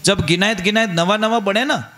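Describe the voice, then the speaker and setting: A man's voice: high voice, moderate pace, sharp tone, faint music behind. A man with a Rajasthani accent giving a folksy, storytelling sermon, often turning to ask his listeners questions. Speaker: religious storyteller.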